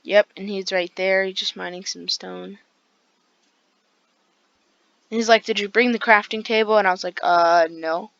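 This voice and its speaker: A woman's voice: medium pitch, level tone, fairly quick, creaky, a bit bright, no echo, dull audio. A woman with a groggy voice, rambling through casual gameplay commentary with lots of fillers. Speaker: gaming video creator.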